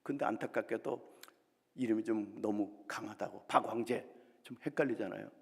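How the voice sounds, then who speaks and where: A man's voice: lowish voice, normal speed, creaky, a little mellow, breathy edge. An older man preaching a revival sermon as a pastor, telling stories animatedly with character voices and dropping to sudden whispers. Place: church sanctuary. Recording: long church hall reverb.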